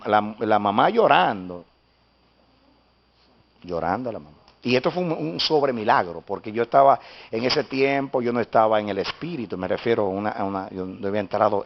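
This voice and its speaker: A male pastor telling a story in a sermon, emphatic and insistent, repeating himself for weight. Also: on the low side. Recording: dull lo-fi sermon recording.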